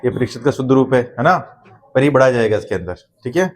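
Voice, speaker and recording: A man's voice: mid-range voice, expressive, fast. Man teaching a classroom spelling lesson. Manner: coaxing, repeats tag questions to students.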